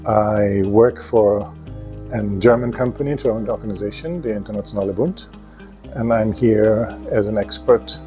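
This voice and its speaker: A man's voice: fairly low pitch, mellow. A man speaking as an expert in a project promo, hesitant, with many ums and restarts. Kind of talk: talking to camera in a promo clip.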